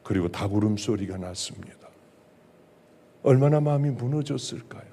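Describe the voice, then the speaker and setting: A middle-aged male pastor preaching a sermon, emphatic, swinging from loud exclamations to hushed, quiet lines. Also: medium pitch, lively intonation, normal speed.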